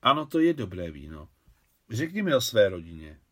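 A man voicing a wealthy, gracious older widow who grew up in Russia, speaking gently and courteously in an audiobook. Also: on the low side, sing-song, voice pushed down. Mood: warm.

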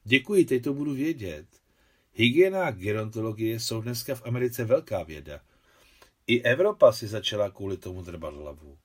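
A man's voice: on the low side, big pitch swings. A man voicing a jovial, modest young father and scientist in an audiobook.

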